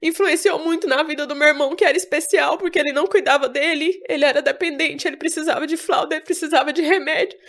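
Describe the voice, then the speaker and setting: A woman's voice: high-pitched, steady tone, fast, hardly any pauses, a bit bright. A young woman from Brazil, telling her own story in an interview in plain rural speech. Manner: plain rural speech, quotes others as she retells. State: tearful at times. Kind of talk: personal testimony.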